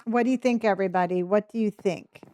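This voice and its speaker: A woman live streaming a game with casual, halting commentary, thinking aloud, with a speech impediment that turns her r's into w's. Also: mid-range voice, darkish tone. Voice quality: speech impediment, cannot pronounce R's, says w for r.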